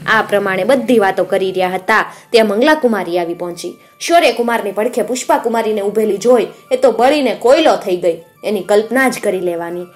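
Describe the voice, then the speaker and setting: A woman narrating a storybook in a steady, measured reading. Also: mid-range voice, soft background music.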